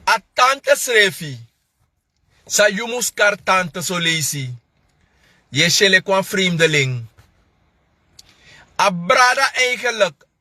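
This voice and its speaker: High, bright-voiced man. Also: no echo. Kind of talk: casual monologue to viewers.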